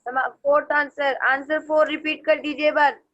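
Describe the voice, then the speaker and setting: A female student speaking over a video call, high-pitched and quick. The sound is dull and lo-fi. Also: level tone, a bit bright.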